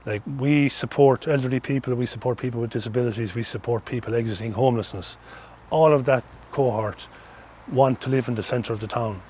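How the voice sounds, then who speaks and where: A man's voice: mid-range voice, a little fast, a little mellow, slight background noise. A middle-aged man with an Irish accent giving earnest, explanatory interview answers, often repeating and restarting phrases. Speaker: interviewee, social housing organisation representative.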